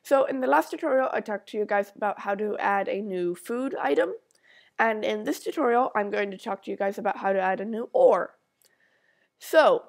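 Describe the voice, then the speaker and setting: A woman with a stuffy nose and a medium-pitched, gravelly voice narrates a coding screencast as a tutorial maker. She talks slowly, reading code aloud as she types and thinking out loud.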